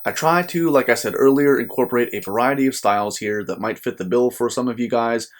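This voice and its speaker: Hosting his channel, a man from the United States delivers a scripted book review with a mid-range voice. The delivery is measured and earnest, leaning on emphatic phrasing.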